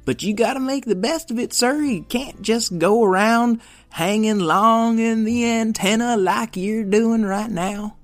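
Man voicing a wise old storybook robot, gentle, raised pitch, slow, beeps between words. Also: dry recording, soft background music. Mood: kindly. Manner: slow, warm advice with playful beeps.

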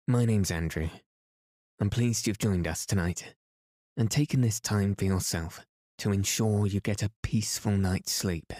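A man reads as a sleep story narrator in a deep, relaxed voice. He takes his time, gently soothing the listener as if at bedtime. The sound is close and very dry. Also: dry recording. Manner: calm, gentle, unhurried, guiding the listener to rest.

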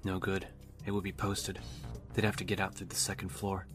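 In this clip a man narrates a novel as an audiobook, keeping a steady, even delivery at normal speed. His deep voice stays almost entirely flat in pitch, and music is clearly audible behind him.

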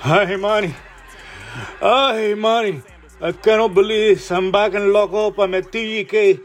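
Brief: a man doing a high-voiced, excitable jailed Cuban-American fan with a Miami Cuban accent, calling on a prison phone. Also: soft background music. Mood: exasperated. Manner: rapid, exclamatory, mixing in Spanish. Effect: heard over a prison phone.

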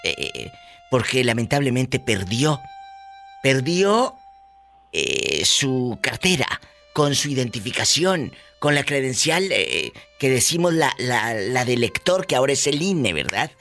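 A man's voice: mid-range voice, big pitch swings, slow, creaky, fairly bright tone, faint music behind. A man with a Mexican accent hosting live casual talk, dramatic, exclamatory and sympathetic. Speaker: radio and podcast host.

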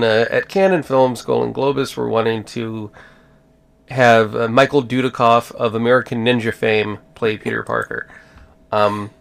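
A man hosting a podcast with casual film talk, halting as he searches for details. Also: mid-range voice, vocal fry, fairly bright tone. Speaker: podcast host.

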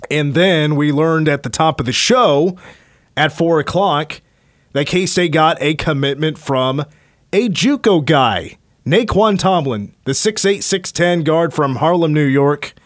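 A man's voice: fairly high pitch, unhurried, no echo. A chatty, upbeat male sports radio host with a slightly raised voice. He talks casually into a studio microphone, and the sound is close and dry.

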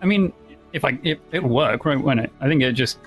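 Mid-pitched man playing a tabletop game. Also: brisk, a bit bright, faint music behind. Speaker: player. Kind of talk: casual tabletop game chat.

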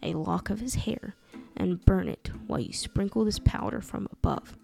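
A woman's voice: lowish voice, expressive, moderate pace, vocal fry, dark tone, faint music behind. A woman voicing a sly, menacing old witch with a crackling voice, in a storybook reading. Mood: conspiratorial.

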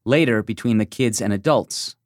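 A man from the United States giving a measured, reflective first-person reading of a magazine essay. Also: fairly low pitch, no echo, clean studio sound. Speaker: essay reader. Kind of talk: scripted narration of a magazine essay.

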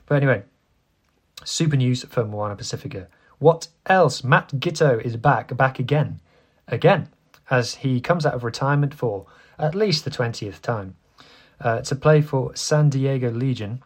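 A man's voice: medium pitch, moderate pace, husky. A man hosting a casual solo sports news podcast, talking in a chatty, informal and self-deprecating way. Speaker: podcast host.

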